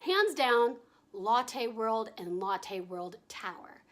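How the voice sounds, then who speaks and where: A young woman talking through her travel vlog in a bubbly, giggly way, gushing with drawn-out enthusiasm. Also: fairly high pitch, expressive. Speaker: travel vlogger. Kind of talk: casual vlog narration.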